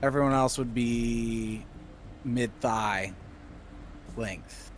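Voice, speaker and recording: A man narrates a tabletop game as game master at a slow pace. He improvises, stopping and restarting mid-phrase. Faint noise sits behind his mid-pitched voice. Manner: halting, pausing mid-phrase.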